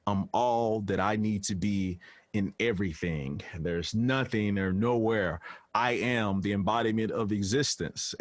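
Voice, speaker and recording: Loud man, dry sound. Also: lowish voice, no echo. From Memphis, Tennessee. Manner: loud, stretched-out on-air delivery. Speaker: interview guest, recording artist. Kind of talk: radio interview.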